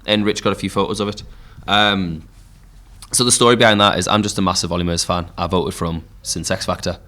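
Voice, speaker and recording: Give me a deep Geordie man, casual and rambling, talking music in a pub. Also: fairly quick. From Newcastle, England. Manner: relaxed storytelling with frequent fillers. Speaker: podcast host and musician.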